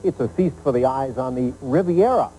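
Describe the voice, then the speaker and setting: A man's voice: mid-range voice, normal speed, mellow, slight background noise, low-quality recording. A man with an American accent presenting a scripted travel program as host. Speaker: travel news show host.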